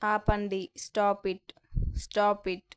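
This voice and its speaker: Slow, even-toned Telugu-accented woman teacher. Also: mid-range voice, smooth, no room sound. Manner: says each English phrase twice, slowly and distinctly. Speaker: spoken English teacher. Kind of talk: slow repeat-after-me phrase drill.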